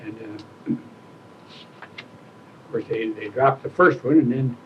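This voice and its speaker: Elderly man, old veteran remembering, halting speech, medium pitch, faint rumbling noise behind. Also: lo-fi sound. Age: older, around 80. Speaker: war veteran interviewee. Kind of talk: oral history interview, reminiscing.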